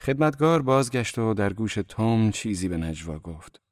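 A man narrating a novel in a measured, literary reading style on a close mic. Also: on the low side, very animated, dry recording. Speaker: audiobook narrator. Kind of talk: scripted narration.

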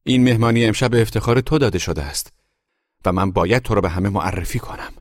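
A man reading a story aloud, voicing a shrill, furious young wife who makes a scene in front of guests, with loud, indignant outbursts. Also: no room sound, clean studio sound, lightly acted. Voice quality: shrieking. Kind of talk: dramatic audiobook reading.

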